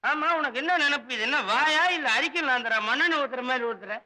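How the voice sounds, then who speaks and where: A man's voice: extremely high pitch, quick pace, pushed and bright, full character voice, rough recording. A man playing a boozy, whiny drunken estate servant in a film comedy, slurring, wailing and breaking into song. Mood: grumbling.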